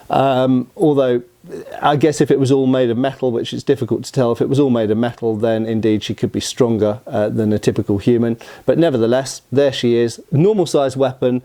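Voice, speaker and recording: A man's voice: mid-range voice, warm tone. A man, enthusiastically explaining what makes a weapon design work, in a discursive commentary style. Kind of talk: explanatory commentary on game art.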